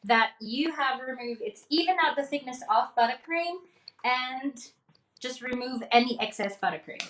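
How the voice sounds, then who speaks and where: Brief: higher-pitched woman, cake decorating instructor, chatty live demo with frequent "okay?" checks, echoey kitchen. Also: normal speed, fairly bright tone. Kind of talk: live demonstration, casual teaching. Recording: echoey room.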